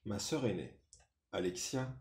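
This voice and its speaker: A man reading a first-person memoir aloud in a measured, sober way. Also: lowish voice, a little mellow. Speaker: reader. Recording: roomy echo.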